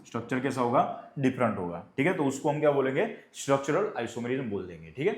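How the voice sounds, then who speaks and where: A male chemistry teacher lecturing a class, who asks questions and answers them himself and dictates definitions slowly. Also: mid-range voice, big pitch swings, reverberant.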